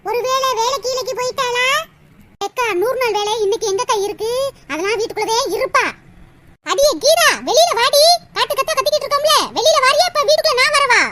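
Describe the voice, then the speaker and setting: A woman's voice: extremely high pitch, quick pace, background noise. A woman voicing several quarrelling women in a cartoon comedy. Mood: shouting. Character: quarrelling village women, Vasanthi, Geetha and Rani.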